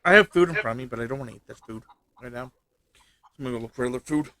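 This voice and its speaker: A man's voice: mid-range voice, rapid-fire, pushed and bright. A man chatting offhand during a game session, narrating what he is doing. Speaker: gamer on a stream. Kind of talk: casual chat while gaming.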